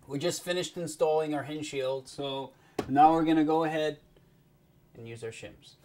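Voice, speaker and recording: A man's voice: a little high, normal speed, a little mellow, slight background noise. A man working as a contractor gives an informal product demonstration, explaining each step in a plain-spoken, folksy way.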